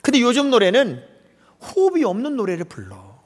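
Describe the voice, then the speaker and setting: A middle-aged man preaching in a large church, his pitch running high and swinging widely as he jokes with the congregation. He mimics regional speech for laughs, and his voice rings out with a long hall reverb. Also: moderate pace. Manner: lively, joking with the congregation, mimicking dialects. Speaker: pastor. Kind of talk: humorous sermon.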